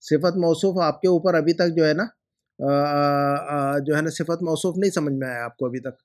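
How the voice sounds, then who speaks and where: A man teaches Arabic grammar, going through homework mistakes one by one. He repeats rules patiently and says example phrases slowly. His voice sits a little higher than usual. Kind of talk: correcting homework in a language lesson.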